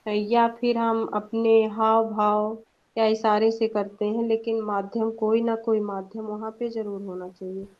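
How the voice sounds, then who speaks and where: A young woman giving a student presentation in an online class, explaining points with examples and a few hesitant fillers. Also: on the high side. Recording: dull lo-fi online class audio.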